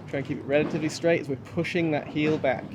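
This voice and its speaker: A man with a fairly high voice leads a martial arts class as the instructor. He gives short, step-by-step commands and counts in an informal, encouraging manner. The recording has clear outdoor traffic noise behind him. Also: fairly even intonation, quick pace. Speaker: kung fu instructor.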